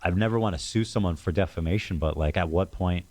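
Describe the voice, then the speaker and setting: A man's voice: deep voice, fast talker, darkish tone. A man in his forties ranting casually as a podcast host, sarcastic and crude, with plenty of swearing. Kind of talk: casual talk show rant.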